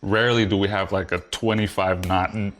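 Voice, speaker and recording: A man's voice: deep voice, brisk, soft background music. A man in his forties from Puerto Rico, a guest chatting casually and rambling with lots of fillers. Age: 40s. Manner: relaxed, rambling, many fillers like "you know". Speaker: guest, foiler. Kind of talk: casual conversation.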